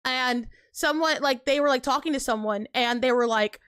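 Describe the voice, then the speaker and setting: A woman's voice: high-pitched, moderate pace, fairly bright tone, clean tone, no echo, clean studio sound. A young American woman with a slight Texan accent, ranting indignantly and animatedly to her livestream chat. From United States.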